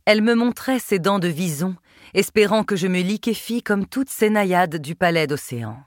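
A woman reads a novel aloud in the first person, composed and measured. Her pitch moves in a lively way through the phrases. The sound is dry and close, with no room. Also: no room sound. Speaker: audiobook narrator. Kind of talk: scripted first-person narration.

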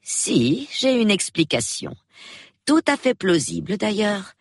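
A woman voicing a shrewd, gentle elderly spinster who speaks softly and measuredly, in an audiobook. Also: medium pitch, sing-song, gravelly, dry recording, clean studio sound, voice pushed up, full character voice. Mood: mild. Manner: soft, measured, murmuring.

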